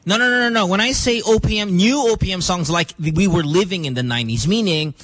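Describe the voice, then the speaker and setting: A man's voice: high voice, no room sound. A man from the Philippines hosting a morning radio show in casual, joking banter while fighting a cough. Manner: animated, joking, quick asides. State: has a cough. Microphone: studio microphone.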